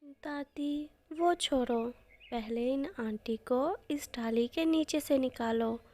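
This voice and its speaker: A woman voicing a lonely orphan baby bird boy in a cartoon story, soft and pleading. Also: high-pitched, slow.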